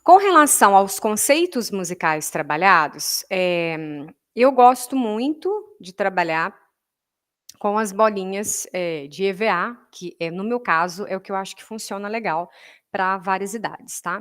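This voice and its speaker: A woman's voice: medium pitch, lively intonation, a little slow. A woman with a Brazilian Portuguese accent, a music teacher giving an online workshop lesson. She explains patiently, keeps checking in with her listeners, and counts beats aloud in rhythm.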